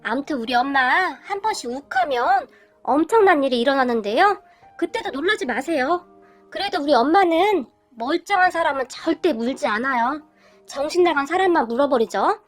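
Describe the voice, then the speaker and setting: A woman's voice: high-pitched, big pitch swings, normal speed, faint music behind. A woman voicing a cheeky, joking young man who teases his family. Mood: teasing. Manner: teasing, playful. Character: cheeky joking young adult brother-in-law.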